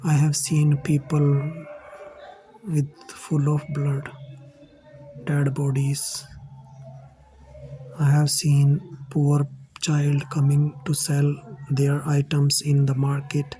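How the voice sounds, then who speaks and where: A man from India with an Indian English accent, telling his own life story to his viewers in a halting, earnest way. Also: fairly high pitch, completely flat delivery, dark tone, a little hiss or hum, low-quality recording. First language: Hindi. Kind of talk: personal storytelling to camera.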